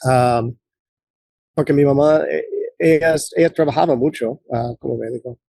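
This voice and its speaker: Man, late forties, from the United States, interview guest, halting speech with restarts, mellow tone. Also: mid-range voice, creaky, no echo. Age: late 40s. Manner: halting, many restarts and fillers. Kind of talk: conversational interview.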